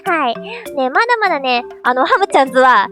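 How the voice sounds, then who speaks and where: A woman's voice: high-pitched, sing-song, a little fast, pushed and bright, faint music behind. A young woman hosting as a VTuber, chatting playfully and filling her talk with little fillers as she explains cartoon characters. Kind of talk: casual solo talk.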